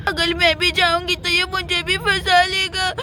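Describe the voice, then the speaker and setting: A woman's voice: very high-pitched, level tone, a little slow, very noisy. A woman voicing a scared little girl who talks in a tearful, pleading way. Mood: frightened.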